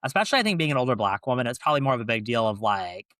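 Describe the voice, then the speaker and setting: A man co-hosting a casual podcast, talking in a bright, forceful voice. His speech is loose and rambling, full of restarts and quick laughs. The sound is dry and close to the mic. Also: medium pitch, big pitch swings, dry recording. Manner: chatty, with frequent restarts and laughs. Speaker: podcast co-host. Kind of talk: casual chat.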